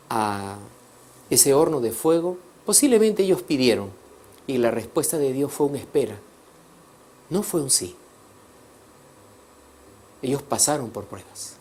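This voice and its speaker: A man telling a religious story as a sermon, swinging between loud emphasis and soft, hushed passages. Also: medium pitch, breathy edge. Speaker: teacher of a religious course. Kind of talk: preaching storytelling.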